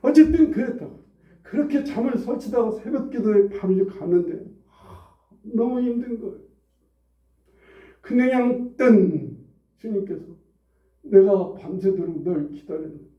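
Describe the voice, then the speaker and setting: A man's voice: animated, normal speed, long pauses, highs cut off. Man preaching in a distant, roomy church. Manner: conversational preaching, swings from hushed to loud and high. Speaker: pastor. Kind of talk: sermon. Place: church sanctuary.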